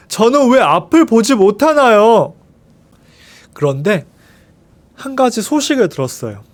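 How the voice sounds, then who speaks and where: A man leads a children's worship service. His voice sits unusually high for a man. He tells the Bible story in an animated, expressive way and keeps asking the children questions. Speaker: children's ministry teacher.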